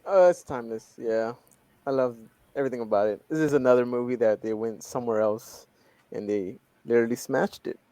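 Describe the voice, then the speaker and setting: Man, mid-pitched, dry sound, short bursts, repeats himself. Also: fairly quick, mellow, no echo. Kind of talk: casual group chat.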